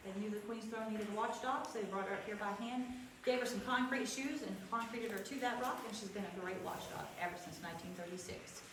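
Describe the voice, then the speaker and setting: A woman's voice: mid-range voice, brisk. A woman guiding a group through a cave in a folksy, questioning way, her voice echoing off the rock. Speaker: cave tour guide. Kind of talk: guided tour talk to a group. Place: inside a cave. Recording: echoing cave, distant mic, clear noise.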